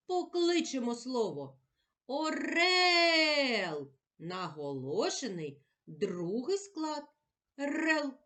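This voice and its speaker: Slow, lively woman teacher for children. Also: fairly high pitch. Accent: Ukrainian. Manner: slow, clear, sounding out syllables for young children. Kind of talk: children's reading lesson.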